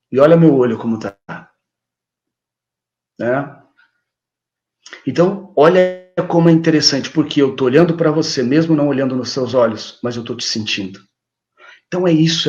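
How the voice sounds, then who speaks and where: A man's voice: on the high side, dull audio. A man with a Brazilian Portuguese accent giving a motivational self-help talk, speaking straight to the listener in a coaxing, repetitive way. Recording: roomy, echoey room sound.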